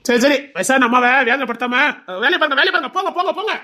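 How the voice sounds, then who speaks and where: A woman playing an exasperated village council head, who talks in a brisk, scolding way. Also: high voice, lively intonation, sharp tone, full character voice. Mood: shooing.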